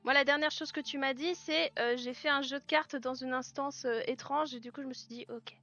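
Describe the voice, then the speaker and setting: A woman streaming live while making clothes, chatting with viewers, telling stories, laughing often and switching into halting English. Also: high voice, fairly even intonation, dull audio. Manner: chatty storyteller, laughs often, answers chat. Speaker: livestreamer and clothing maker. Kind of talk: casual chat with live viewers. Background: soft background music.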